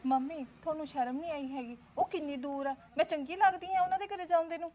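ਇੱਕ ਔਰਤ ਪੰਜਾਬੀ ਲਘੂ ਫ਼ਿਲਮ ਵਿੱਚ ਜ਼ਿੱਦੀ, ਸ਼ਹਿਰੀ ਨੂੰਹ ਦਾ ਕਿਰਦਾਰ ਨਿਭਾ ਰਹੀ ਹੈ, ਜੋ ਜ਼ੋਰ ਦੇ ਕੇ ਸ਼ਿਕਾਇਤਾਂ ਕਰਦੀ ਹੈ।. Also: female voice, high-pitched, quick pace, lo-fi sound, lightly acted. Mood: complaining. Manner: insistent, complaining, argumentative. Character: young city-bred woman, stubborn and demanding. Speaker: new daughter-in-law. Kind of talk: Punjabi short film acting.

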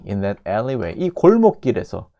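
Male English tutor, gravelly and dark-toned, unhurried, repeats and dissects each phrase. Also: fairly low pitch, huge pitch swings, highs cut off. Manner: repeats English phrases slowly and breaks them down. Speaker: English teacher. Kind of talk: lecture explaining a news clip.

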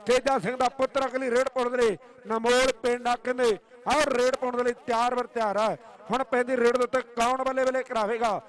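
A Punjabi-accented man works as live announcer at a kabaddi tournament. His voice is pitched very high for a man, and he declaims names and plays, often saying a phrase over again. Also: little pitch movement, a little fast, clean tone. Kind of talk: live sports commentary and announcements.

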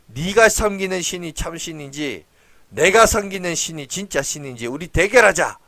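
Bold prophet, done by a pastor, taunting and forceful, dry close sound. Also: male voice, a little high, lively intonation, normal speed, no echo. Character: bold male prophet, mocking his rivals.

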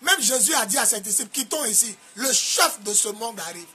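A man from Côte d'Ivoire with an Ivorian French accent, preaching a sermon in a sing-song cadence with sudden shouts. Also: high voice, animated, brisk, breathy edge. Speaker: apostle preacher.

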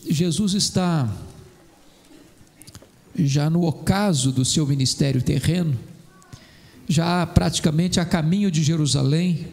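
Man, Brazilian Portuguese accent, preacher, sermon, high voice, rough fry, emphatic. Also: darkish tone. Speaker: pastor. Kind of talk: sermon with scripture reading. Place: church.

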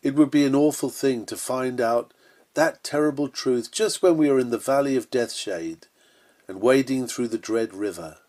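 A man with a medium-pitched, darkish voice reads an old-fashioned sermon at a moderate pace. His delivery is earnest, solemn and emphatic, in the manner of a preacher.

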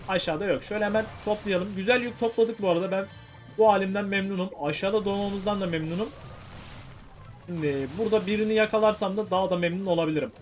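A man giving excitable, chatty commentary on his own gameplay, talking to viewers and teammates. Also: high voice. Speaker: gaming YouTuber.

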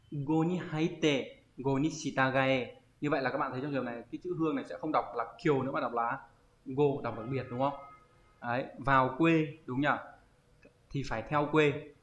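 A man teaching an online kanji lesson, often pausing and thinking aloud as he searches for the word. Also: mid-range voice, a bit bright. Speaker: Japanese teacher. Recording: roomy, slightly dull audio.

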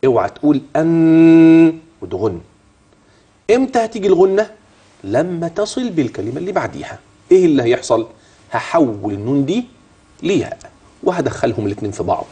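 On a TV program, a middle-aged Egyptian-accented man teaches tajweed, putting questions to the audience and chanting slowly as an example. His husky, mellow voice is medium in pitch, and he's very animated.

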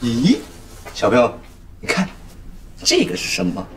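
A man's voice: medium pitch, wildly swooping pitch, measured pace, vocal fry, exaggerated voice. A man acting a playful young character in a TV drama, cooing as if to a toddler. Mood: playful coaxing. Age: young adult. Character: playful young man coaxing a shy child. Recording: background music over dialogue.

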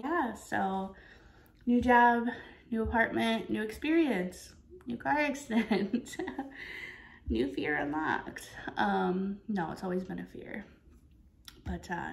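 A vlogger in her twenties talks casually to the camera from her apartment kitchen, speaking earnestly and repeating things for emphasis. Her voice is medium-pitched, gravelly, and darkish, and the indoor room echoes.

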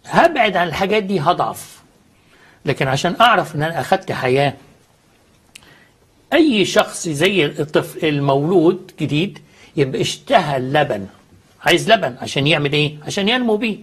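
A man's voice: fairly high pitch, expressive, a little fast, a bit bright, breathy edge. A man with an Egyptian accent, a studio guest explaining faith earnestly and answering his own questions.

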